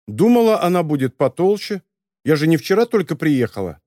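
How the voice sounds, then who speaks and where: A man's voice: on the high side, big pitch swings, fairly quick, darkish tone, dry recording, studio quality. A man voicing a chatty, mischievous invisible teenage girl in an audiobook. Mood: indignant. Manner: playful, mischievous.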